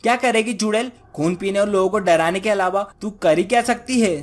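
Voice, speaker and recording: Weary but cunning village husband, fairly high male voice, the narrator's own. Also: fairly quick, natural voice. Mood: defiant.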